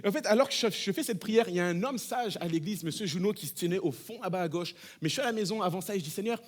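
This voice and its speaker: Male pastor, 30s, high voice, quick delivery, animated storyteller who moves between quiet and loud. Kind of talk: sermon. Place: church.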